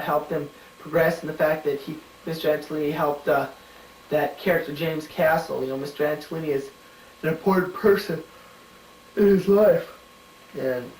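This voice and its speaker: A man giving casual spoken answers to study questions, halting and full of "you know" and "um", thinking aloud as he searches a book. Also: fairly high pitch, a little mellow, a little hiss or hum. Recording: roomy home recording from a distant mic.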